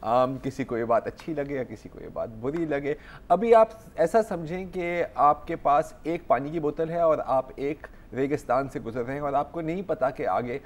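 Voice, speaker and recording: A man hosting a TV talk show in a studio, chatty, relaxed and joking with callers. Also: a little high, normal speed, few pauses. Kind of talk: casual studio chat.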